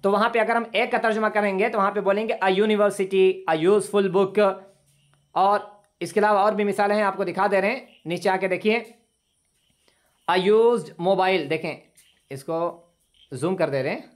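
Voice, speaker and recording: Speaking steadily in a high voice, a man gives an English lesson online via video call on his computer mic. Patient with his students, he goes over grammar rules and slowly repeats each word.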